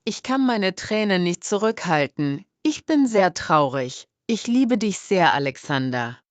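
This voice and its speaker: A woman's voice: medium pitch, big pitch swings, a little slow, over loud music. A woman playing a heartbroken young woman whose love goes unreturned. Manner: tearful and sad. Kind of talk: dramatized story for language learners.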